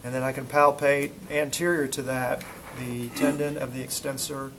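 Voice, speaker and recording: Speaking at normal speed with little pitch movement, this man has a mid-range, fairly bright voice. He's an instructor guiding a hands-on classroom demonstration, using short repeated commands and quizzing students between steps, and the recording picks up classroom noise.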